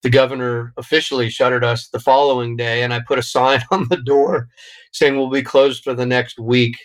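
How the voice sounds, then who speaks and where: A man's voice: medium pitch, flat delivery, normal speed, low-quality recording. A middle-aged man, a guest in an interview, telling a personal story in a reflective, emotional way with frequent restarts. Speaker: podcast guest. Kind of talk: interview conversation.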